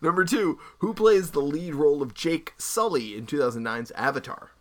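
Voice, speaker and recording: A man co-hosting a podcast, chatting casually with rambling jokes and quick asides. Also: fairly high pitch, a bit bright, a little hiss or hum. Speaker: podcast co-host. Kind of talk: casual chat.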